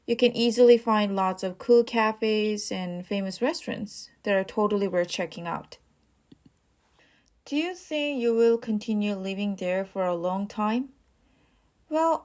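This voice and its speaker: A young Korean woman, a native Korean speaker from South Korea, gives model answers for an IELTS speaking practice test. Her mid-range voice is slow and measured as she reads each question and then replies with rehearsed, casual fillers.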